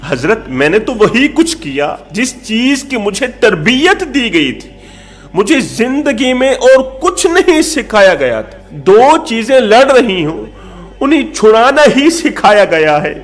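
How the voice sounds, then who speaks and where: A man's voice: extremely high pitch, very animated, faint music behind. A preacher voicing a blunt young man who argues his case in a matter-of-fact way. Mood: defensive.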